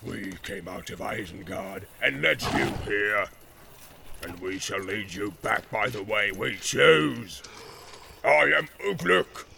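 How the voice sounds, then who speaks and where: A man voicing a brutal, boastful male orc captain who barks orders in a deep growl. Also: expressive, creaky, background noise, exaggerated voice. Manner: barking slow blunt orders.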